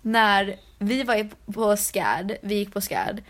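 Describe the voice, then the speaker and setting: A young woman chatting casually in a mid-range voice. She tells stories with energy and acts out what others said. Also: medium pitch. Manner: animated storyteller acting out quotes. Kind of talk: casual chat.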